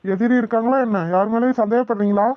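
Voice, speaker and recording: Woman voicing a calm young policeman. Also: a little high, fast talker, no room sound, dull audio, lightly acted. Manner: questioning, reassuring. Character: young male police officer, calm and firm. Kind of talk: cartoon voice acting.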